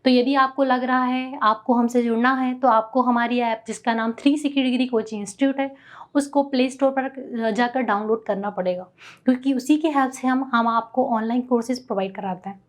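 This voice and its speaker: A woman's voice: fairly high pitch, fairly even intonation, a little fast. A young woman teaching a math lecture, asking questions and answering them herself.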